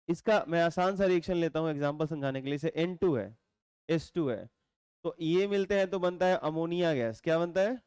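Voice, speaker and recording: A male teacher, giving a chemistry lecture, explaining slowly and repeating points while quizzing his students. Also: fairly high pitch, a little mellow, smooth, no room sound. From India.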